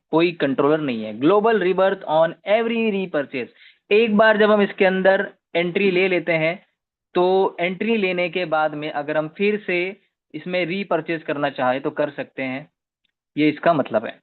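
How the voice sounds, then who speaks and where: A man presenting an investment plan, walking viewers through slides and often calling them "guys" or checking in with "okay". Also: fairly high pitch. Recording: tinny phone-like audio.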